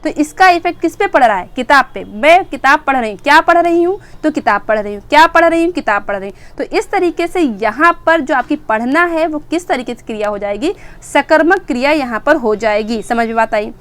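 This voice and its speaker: A woman's voice: high-pitched, lively intonation, brisk, hardly any pauses, fairly bright tone. A woman teaching an exam-prep grammar lesson, asking questions and answering them herself and repeating key words.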